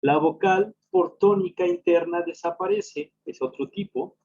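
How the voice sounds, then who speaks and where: A man's voice: sits high, unhurried, a little mellow. A man teaching a lesson, explaining step by step and often checking that his students follow. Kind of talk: recorded class lecture. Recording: dull lo-fi recording.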